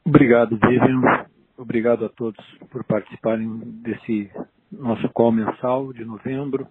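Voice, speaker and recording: A man with a Brazilian accent giving an unscripted business presentation as an investment officer, halting and explanatory. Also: medium pitch, flat delivery. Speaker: investment fund chief investment officer. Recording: noisy narrow phone line.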